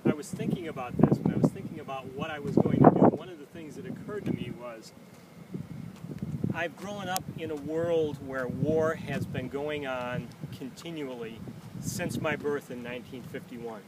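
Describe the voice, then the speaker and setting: A man in his sixties speaking earnestly while walking around an outdoor track, pausing often with "uh". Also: on the high side. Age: 60s. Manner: earnest, measured, with frequent "uh" pauses. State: talking while walking backward. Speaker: founder of a peace walking movement. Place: outdoor running track by traffic. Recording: distant outdoor mic with loud traffic noise.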